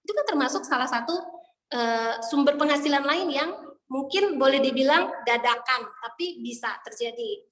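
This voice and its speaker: A woman's voice: sits high, expressive, normal speed, fairly bright tone. A woman giving a casual insurance sales training talk, explaining with chatty examples and asides. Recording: echoey room with long reverb.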